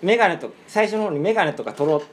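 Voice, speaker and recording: A man's voice: sits high, animated, very fast. A man in casual chat, eagerly retelling a manga's scenes and acting out lines. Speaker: podcast host introducing a manga.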